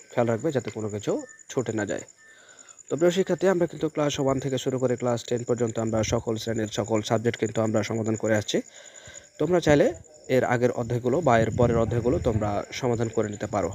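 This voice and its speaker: A man teaching a textbook lesson online in a brisk, encouraging way, often repeating the same filler words. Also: mid-range voice, a little mellow, a little hiss or hum. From Bangladesh.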